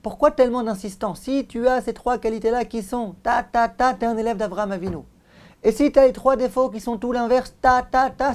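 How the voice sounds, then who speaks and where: A rabbi with an extremely high voice teaches a Torah lecture, emphatic and didactic throughout. He repeats things for emphasis, asks rhetorical questions, and lets the ends of his phrases fall away softly.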